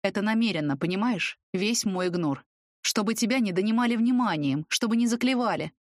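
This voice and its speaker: A woman's voice: mid-range voice, lively intonation, a little fast, no room sound, studio quality, close to an everyday voice. A woman voicing a young male student, a pushy ex-boyfriend who talks insistently and urgently.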